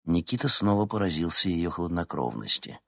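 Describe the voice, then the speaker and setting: A man narrating a fantasy audiobook in a steady, dramatic reading. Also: deep voice, normal speed, gravelly, no room sound, clean studio sound. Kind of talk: scripted narration.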